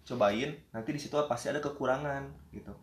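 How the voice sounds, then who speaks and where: A man hosting a casual chat, prompting his friends with relaxed, slangy questions. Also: medium pitch, fairly quick, roomy sound, a little hiss or hum. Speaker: host asking questions.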